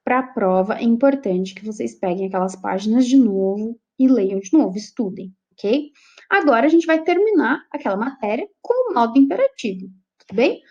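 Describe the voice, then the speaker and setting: A Brazilian woman teaches an online lesson, pitched high and moving lively through her explanations. Her tone is mellow and warm, not bright. She keeps checking in with the class, and the recording sounds dull and lo-fi. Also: normal speed. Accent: Brazilian Portuguese. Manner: explains with frequent check-ins to students. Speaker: Portuguese teacher.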